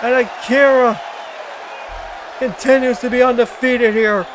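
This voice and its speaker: Male wrestling commentator, very high pitch, dramatic shouted calls delivered in drawn-out, unhurried phrases over crowd noise. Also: steady tone. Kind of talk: excited play-by-play wrestling commentary. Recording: music and crowd noise behind.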